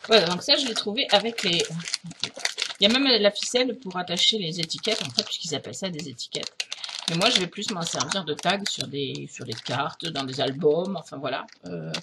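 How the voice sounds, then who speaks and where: A woman's voice: on the low side, fairly quick, very noisy. Chatty middle-aged woman with fillers. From France. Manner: chatty, hesitant, many fillers. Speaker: craft vlogger. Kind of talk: casual haul vlog.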